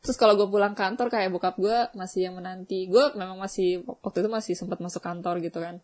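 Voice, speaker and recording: A young woman, hosting a vlog and chatting casually with viewers, telling a story in a slangy, animated way. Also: medium pitch, quick pace. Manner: chatty storytelling, slangy Jakarta-style, animated when excited. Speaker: vlog host.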